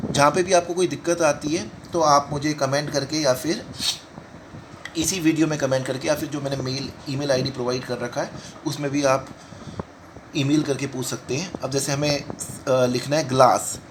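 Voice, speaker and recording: Brief: male shorthand tutor, a bit higher voice, patient and repetitive, faint hiss behind. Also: fairly even intonation. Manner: explains while writing, repeating each word slowly. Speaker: shorthand teacher. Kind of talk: step-by-step lesson talk in Hindi-English mix.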